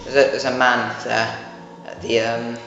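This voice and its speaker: A man casually narrating a tabletop role-playing game as game master, improvising in a halting, repetitive way. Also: medium pitch, level tone, gravelly, a bit bright. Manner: halting, repeats phrases as he improvises. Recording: muffled, very echoey room, music behind.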